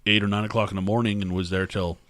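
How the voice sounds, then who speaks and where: A man's voice: fairly low pitch, little pitch movement, fast, a bit bright, dry recording, studio quality. A man hosting a casual podcast chat among drinking friends, rambling through a story and laughing at it. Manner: rambling storyteller, laughs at his own tales. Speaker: podcast host.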